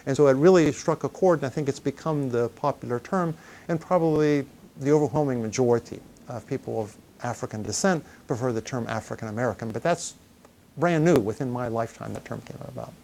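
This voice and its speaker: A man's voice: medium pitch, a little fast, creaky, a little mellow, a little hiss or hum. Man thoughtfully answering an interview question. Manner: thoughtful, conversational, with some restarts.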